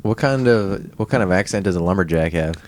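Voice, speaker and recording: A man's voice: deep voice, expressive, brisk, background noise. A man co-hosting a casual podcast chat from a parking lot, laughing often and explaining things loosely. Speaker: podcast co-host. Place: parking lot near a van.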